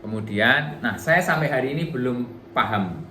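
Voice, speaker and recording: A man's voice: mid-range voice, lively intonation, normal speed, sharp tone, a little hiss or hum. A middle-aged man giving a relationship seminar to a live audience in a casual, chatty way, acting out little dialogues. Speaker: workshop trainer.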